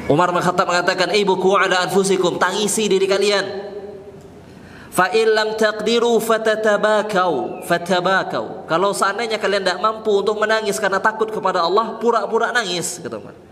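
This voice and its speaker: A man, an ustaz, gives a casual sermon in a mosque, speaking conversationally and reciting Arabic quotes slowly. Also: high-pitched, fairly even intonation, fairly bright tone. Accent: Indonesian. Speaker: ustaz giving a mosque study session. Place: mosque hall. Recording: reverberant mosque hall with faint background noise.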